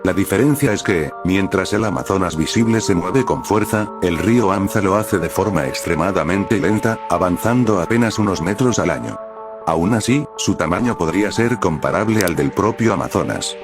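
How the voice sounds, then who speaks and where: A man reading scripted nature documentary narration in a measured, explanatory storytelling manner. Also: low-pitched, animated, music in the background.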